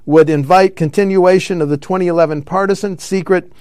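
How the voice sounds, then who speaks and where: A man's voice: sits high, steady tone, fairly quick, darkish tone, clear, resonant tone, no echo, studio quality. A man hosting a political talk show, running through news items with frequent fillers and self-corrections. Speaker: radio show host.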